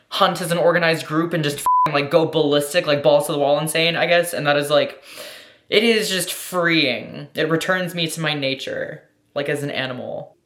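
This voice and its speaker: In a laid-back Q&A vlog, a woman from the United States responds to questions with gushing slang, frequent swearing, and "like" in nearly every phrase. She has a deep, slightly bright voice, and the room gives the recording a noticeable echo.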